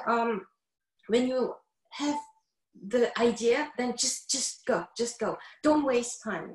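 A middle-aged woman talking on a panel video call, halting and repeating words as she searches for them. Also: fairly high pitch. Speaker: music teacher on a panel. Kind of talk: panel discussion. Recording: echoey room on video call.

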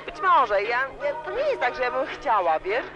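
A student radio interviewee in her twenties, her voice on the high side with big pitch swings at normal speed, rambles emotionally at a student club party. She keeps saying "you know" over loud music, all heard on a worn, dull lo-fi cassette.

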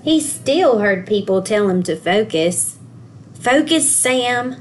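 Reading a picture book expressively to little kids, this woman, a school guidance counselor, stops now and then to pose questions to them. Her voice sits at medium pitch, with a bit of hiss or hum in the recording.

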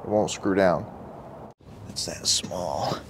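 A young man giving casual running commentary while fixing a carburetor at an outdoor workbench, in a relaxed way with muttered asides to himself. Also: sits low, slow, slight background noise. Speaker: vlogger working on a carburetor. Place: outdoor workshop table beside a truck.

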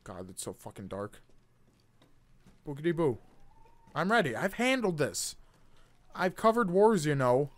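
A man's voice: a little high, huge pitch swings, normal speed, dry recording. A man in his twenties giving jokey, nervous, casually profane commentary as he streams a scary video game, close to a desktop microphone. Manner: nervous, jokey reactions to scares. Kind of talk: live horror game commentary. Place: indoor gaming room.

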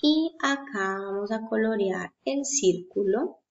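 A woman teaching preschoolers to read, stretching out words and stressing each syllable loudly. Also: mid-range voice, lively intonation, takes it slowly, gravelly. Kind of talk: slow, drawn-out syllable drills for young children. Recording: dull lo-fi sound.

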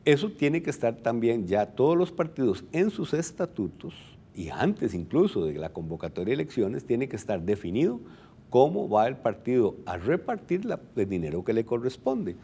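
A middle-aged Costa Rican man, director of the electoral registry, appears as an expert guest in a television studio interview. His medium-pitched, sing-song voice has a dark tone and moderate pace, and his lapel mic picks up slight background noise. He explains didactically, posing questions and answering them himself.

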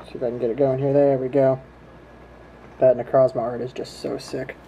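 Mellow, laid-back man chatting casually. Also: mid-range voice, little pitch movement, fairly quick, vocal fry, a little hiss or hum, low-quality recording. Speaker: host of a trading card pack-opening video. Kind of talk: casual running commentary while opening card packs. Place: indoors at home, hands at a table.

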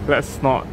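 At night, a vlog host walks through a large indoor and outdoor garden complex, filming on a handheld phone and chatting as he goes. He's a slow, talkative, upbeat guide, and background music is mixed into the recording.

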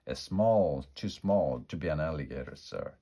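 A man reading as a calm pterodactyl policewoman. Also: extremely low pitch, moderate pace, pitched below the performer's own voice, full character voice. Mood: polite. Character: polite, calm female pterodactyl police officer.

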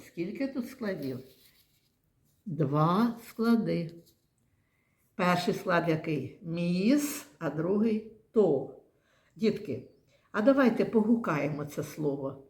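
A woman teaching young children, speaking in a slow, patient, coaxing way. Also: fairly low pitch, a little mellow, echoey room. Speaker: primary school teacher. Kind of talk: classroom lesson for young children. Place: classroom.

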